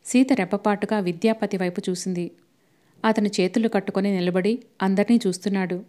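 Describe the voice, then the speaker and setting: A woman reads a novel aloud as an audiobook with steady, expressive storytelling. Her voice is mellow and warm, sitting at a middle pitch. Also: fairly quick. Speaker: audiobook narrator.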